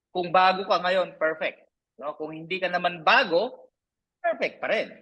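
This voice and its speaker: A man in his thirties hosting a live online sales training, upbeat and chatty, who keeps tagging his sentences with a quick "no?", heard through an online meeting microphone. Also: a little high, a bit bright, poor audio.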